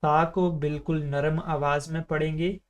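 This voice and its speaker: A male Quran reading teacher works through the Arabic alphabet for beginners in a steady, fairly flat voice. He holds each letter name long and slow, then explains quickly how it should sound. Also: on the high side. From Pakistan. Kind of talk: recorded lesson for beginners.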